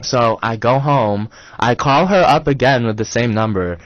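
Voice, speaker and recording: A man's voice: mid-range voice, normal speed, dry recording, highs cut off. Exasperated young man telling a story. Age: young adult. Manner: animated, exasperated retelling. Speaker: college radio co-host. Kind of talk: casual storytelling chat.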